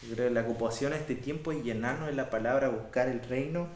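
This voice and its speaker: A man's voice: medium pitch, fast, a little hiss or hum. A man leads a Bible study conversation in an encouraging, filler-heavy way. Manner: warm and encouraging, lots of fillers, reacts with wows. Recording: echoey room.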